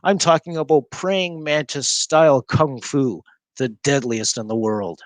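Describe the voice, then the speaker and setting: A man voicing a squeaky small boy who loudly bluffs at being tough in a storybook reading. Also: unhurried, no room sound, close to an everyday voice. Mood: bluffing. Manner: loud, fake-tough.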